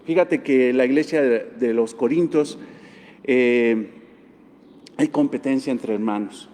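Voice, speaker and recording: A man's voice: on the high side, dark tone, close to an everyday voice. A man voicing the apostle Paul as a kindly older man explaining things over the phone. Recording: long hall reverb.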